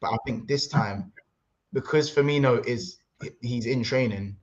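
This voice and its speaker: A man hosting a casual football livestream, rambling and excitable, reading out chat messages. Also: mid-range voice, a little slow, highs cut off. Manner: excitable, rambling, London slang. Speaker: livestream host.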